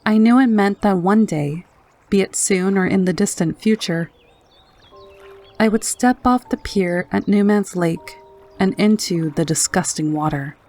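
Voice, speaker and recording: A woman narrating a scripted first-person scary story in a low, haunting, measured manner. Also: darkish tone. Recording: narration over background music. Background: music.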